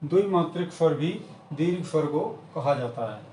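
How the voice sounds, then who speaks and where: A man's voice: fairly high pitch, dark tone, slight background noise. Echoey, distant man teaching grammar. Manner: repetitive, drills definitions slowly. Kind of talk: exam-prep lesson.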